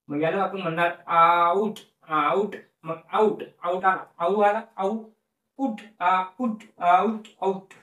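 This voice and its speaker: A man's voice: high-pitched, a bit bright. A male teacher explaining a lesson, repeating each word several times and asking the class questions that he then answers himself. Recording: echoey room, voice from a distance.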